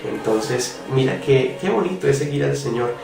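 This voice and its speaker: A man's voice: mid-range voice, lively intonation, moderate pace, vocal fry, far from the mic. A man giving a devotional reflection, talking earnestly and asking the listener direct questions. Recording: roomy echo, voice from off the mic, faint music.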